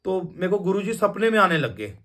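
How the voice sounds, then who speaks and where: A man's voice: sits high, big pitch swings, fairly quick, fairly bright tone. A young man telling a personal testimony in a casual, rambling way, with many restarts and fillers. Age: young adult. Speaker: devotee sharing a testimony.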